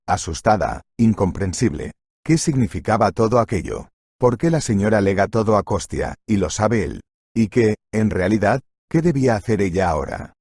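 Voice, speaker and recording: A man narrating a scripted story in an even, steady reading voice. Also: lowish voice, slightly rough, dry recording, studio quality.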